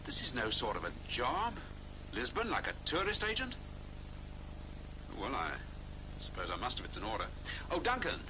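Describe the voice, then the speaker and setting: A brisk British agent who speaks in clipped, decisive phrases. His voice swings widely in pitch, and a hiss runs under the old film soundtrack. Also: huge pitch swings. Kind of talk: 1940s film acting.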